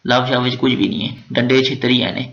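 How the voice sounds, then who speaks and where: Pakistani-accented male teacher, chatty exam-prep lecturer with jokes, gravelly edge, echoey dull recording. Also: mid-range voice, level tone, fairly quick, a bit bright. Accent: Pakistani Urdu with Punjabi touches. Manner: chatty, explains step by step, joking asides.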